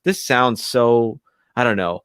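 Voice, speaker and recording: A man who is a radio show guest, telling a personal story in a halting, candid way with many restarts. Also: mid-range voice, fairly bright tone, clear, resonant tone, dry recording, studio quality.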